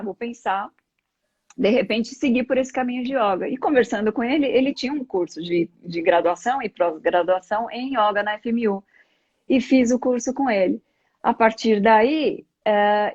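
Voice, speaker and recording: Speaking in a slightly mellow voice that sits on the high side, a middle-aged Brazilian guest on a live interview reflects conversationally and illustrates her points with examples. She practices yoga, and while there is no echo, the live stream audio is dull and lo-fi.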